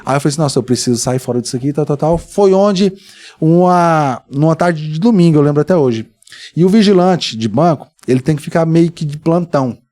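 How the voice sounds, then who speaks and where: A man's voice: on the high side, fairly quick, dark tone. A man with a Brazilian Portuguese accent, a podcast guest animatedly telling his story and acting out the dialogue in it. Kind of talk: storytelling in a casual podcast interview.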